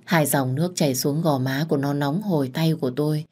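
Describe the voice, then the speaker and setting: A woman narrating a first-person audio story in a calm, even way. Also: deep voice, a little fast.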